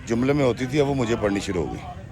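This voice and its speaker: A man voicing a meek, mistreated young wife who speaks softly and pleadingly. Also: medium pitch, very animated, a crowd in the background. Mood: sad.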